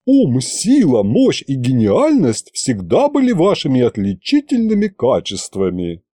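A man voicing an eager, flattering male butler at a royal court in an audiobook. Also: medium pitch, a little slow, no echo, clean studio sound. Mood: fawning. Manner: fawning, flattering.

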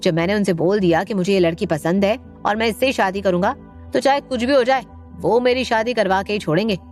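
A woman voicing a mischievous young man who talks in a bright, playful, teasing way. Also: medium pitch, natural voice.

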